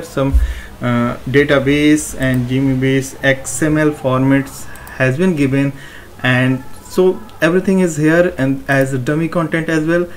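A man's voice: medium pitch, slight background noise. Man explaining a website theme setup. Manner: explanatory, step-by-step, repetitive phrasing. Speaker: WordPress tutorial presenter. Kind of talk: screen-recorded tutorial walkthrough.

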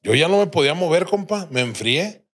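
A man's voice: on the high side, lively intonation, brisk, a bit bright. A young adult man with a Mexican accent, a podcast guest telling a crude, vivid story full of slang and swearing. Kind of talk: casual storytelling.

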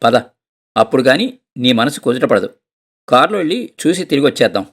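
A man's voice: medium pitch, very animated, brisk, husky. A man voicing a stern, practical middle-aged husband who lectures and insists in a storybook reading. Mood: insistent. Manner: insistent, scolding.

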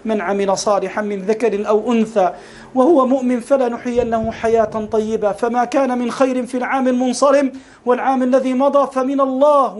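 A man's voice: high-pitched, a little mellow, a little hiss or hum. A man with an Egyptian accent preaching a sermon with fervour, again and again calling his listeners beloved brothers in God. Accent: Egyptian Arabic. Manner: fervent, repeatedly addresses listeners as beloved brothers.

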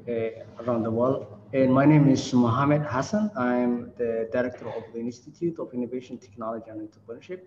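A man's voice: medium pitch, a little mellow. A man from Somalia introducing himself as a panelist on a video call, earnest and hesitant. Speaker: panelist, institute director. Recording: dull, echoey call audio with faint noise.

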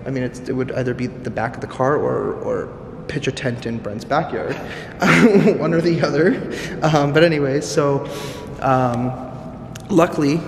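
A man in his thirties hosts an informal vlog on location, chatting to the camera in a mid-range voice and often laughing. He's indoors in a large, empty hotel lobby, filmed with a handheld camera at arm's length. The sound is echoey and reverberant, with clear background noise.

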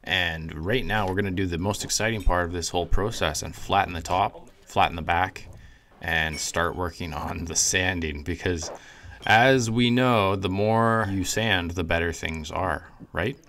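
A man's voice: low voice, measured pace, sharp tone, slight background noise. A man narrating a woodworking build in a casual voice-over, easygoing with self-deprecating humor.

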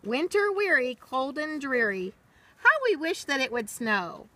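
A middle-aged woman, acting as storyteller, reads a rhyming picture book aloud to children in a snowy backyard and makes casual asides. Her high voice is very animated and fairly bright, and her pace a little slow. The outdoor video, shot on a camera or phone a short distance away, has faint background noise.

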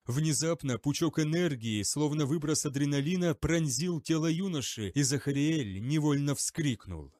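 A man's voice: fairly high pitch, expressive, moderate pace, hardly any pauses, a little mellow, dry recording, clean studio sound. Man narrating an audiobook. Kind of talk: scripted narration.

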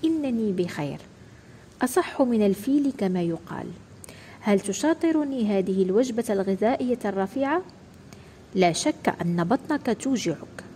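A woman voicing a sly, clever male fox in a children's storybook, talking in a hushed, confiding way. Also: lively intonation, moderate pace, slight background noise, lightly acted, poor audio. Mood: smug. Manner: hushed, confiding, sometimes dropping low.

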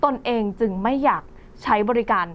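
A woman's voice: fairly high pitch, normal speed. A woman presenting the news in a conversational reading style, with frequent polite particles. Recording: slightly dull recording with faint music behind.

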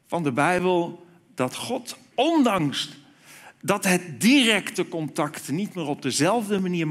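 A man preaching a sermon, speaking deliberately and lifting his voice on key words. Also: sits high, a bit bright. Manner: slow, deliberate, with emphatic rises on key words.

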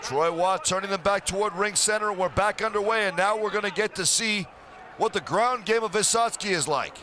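A man's voice: sits high, normal speed, sharp tone, slight background noise. A man calling televised fight play-by-play in an emphatic, polished, dramatic way. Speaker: play-by-play commentator.

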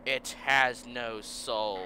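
A young man commenting on his own racing game play, swearing and shouting at his opponents, his voice worn from yelling. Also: medium pitch, steady tone, very slow, a little hiss or hum. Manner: frustrated, swears and yells at opponents. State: voice strained. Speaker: let's play gamer. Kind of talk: gameplay commentary.

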